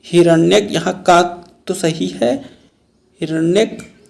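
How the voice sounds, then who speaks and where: A man's voice: high-pitched, takes it slowly, gravelly. A man teaching Hindi spelling for an exam, going through each option word by word and repeatedly calling his viewers friends. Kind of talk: exam-prep spelling lesson.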